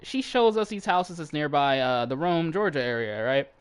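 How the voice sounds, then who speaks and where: Animated young man telling a story. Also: a little high, moderate pace, clear, resonant tone. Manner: animated, swears freely, laughs mid-story. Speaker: channel host. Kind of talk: casual storytelling while gaming.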